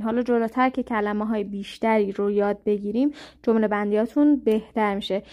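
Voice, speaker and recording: A woman leads a patient, step-by-step spoken lesson, slowing right down to say each new word with care. Her voice sits a little high. The recording is dull and muffled. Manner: slow, careful spelling-out of words. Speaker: language teacher. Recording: muffled lo-fi audio.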